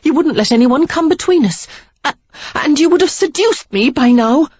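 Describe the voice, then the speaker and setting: A woman reader with a high, animated, slightly mellow voice at normal speed plays an upset young woman, a frustrated but resolute suitor who pleads and insists emphatically, close to tears. The audio is lo-fi with no echo, and the voice sounds pushed up.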